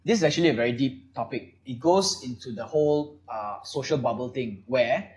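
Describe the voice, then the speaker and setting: A man's voice: mid-range voice, normal speed, a little mellow. A man from Malaysia hosting a casual panel chat, explaining at length with many fillers. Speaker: podcast host.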